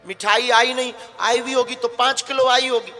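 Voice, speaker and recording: A man's voice: extremely high pitch, steady tone, normal speed, bright, forceful tone. A male preacher voicing a worried young daughter-in-law who pleads with her mother during a sermon story. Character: young newly married woman, anxious daughter-in-law. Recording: long hall reverb, faint music.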